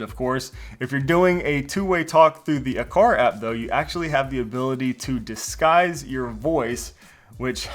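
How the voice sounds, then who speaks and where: A man giving a casual walkthrough review of a video doorbell, explaining features with the odd filler word. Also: mid-range voice. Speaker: tech product reviewer.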